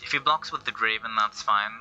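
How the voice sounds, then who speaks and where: A man's voice: lowish voice, a little fast, sharp tone, clear, resonant tone, lo-fi sound, soft background music. A man giving casual game commentary, thinking aloud in a hesitant way. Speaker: gameplay commentator.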